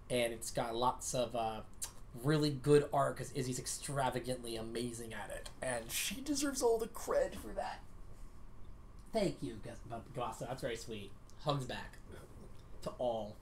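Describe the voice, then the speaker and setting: A woman with a Southern American accent talks about comics in a casual, rambling way. Her voice sits low. She sounds enthusiastic and a little self-deprecating. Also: a little hiss or hum. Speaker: comic creator co-hosting a stream. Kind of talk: casual chat.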